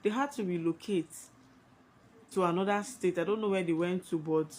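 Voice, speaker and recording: A woman's voice: fairly low pitch, normal speed, heavy background noise. A woman with a Nigerian accent telling a scary personal story conversationally, emphatically repeating phrases for effect.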